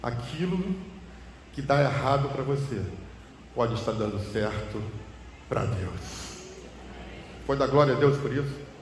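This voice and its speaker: A man's voice: lively intonation, measured pace, long pauses. A man preaching a sermon and telling a personal testimony, emphatic, swinging his voice up and down. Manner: emphatic, swings pitch and volume widely for effect. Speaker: pastor. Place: church hall. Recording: echoey reverberant church hall, faint hum.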